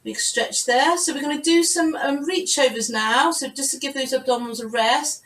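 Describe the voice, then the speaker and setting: A woman's voice: sits high, moderate pace, a bit bright. A woman teaching a live online Pilates class, encouraging her students and counting the reps aloud. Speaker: Pilates instructor. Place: room at home, on a video call. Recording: roomy, distant video-call sound.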